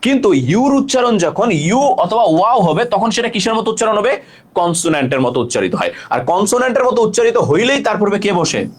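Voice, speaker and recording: Lively young man teaching grammar. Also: sits high, breathy edge. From Bangladesh. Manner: explains slowly, asks and answers his own questions, repeats key points. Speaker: English tutor. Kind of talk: live online lesson.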